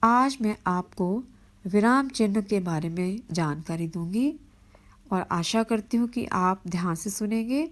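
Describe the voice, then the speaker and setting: A woman teacher leads a virtual class at an unhurried, deliberate pace. She explains each point with care and reads example sentences aloud for her students. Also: mid-range voice. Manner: slow, careful explanation with spoken examples. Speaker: school teacher.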